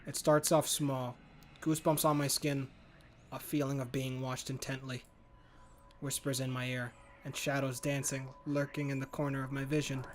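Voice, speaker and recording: A man reads a horror visual novel aloud in the first person, earnest and muttering like an inner monologue, occasionally stumbling over words. His mid-range voice is flat and moderately paced, with slight background noise.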